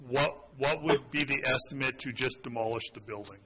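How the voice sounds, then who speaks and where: A man's voice: medium pitch, a little fast, poor audio. A man chairing a town council discussion, relaying questions and often repeating his words as he restarts. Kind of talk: meeting discussion.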